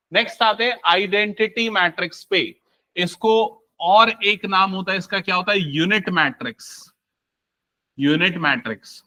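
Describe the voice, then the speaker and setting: A young man teaches maths to a class. He has a high, bright voice and keeps quizzing his students, then answers his own questions. He slips English terms into Hindi as he goes. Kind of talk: live classroom lesson.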